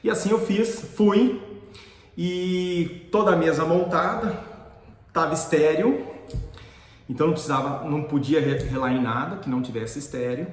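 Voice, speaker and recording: A middle-aged man telling a personal story in an earnest, halting way, often restarting his sentences. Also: fairly high pitch. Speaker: dentist and teacher. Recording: echoey room with long reverb.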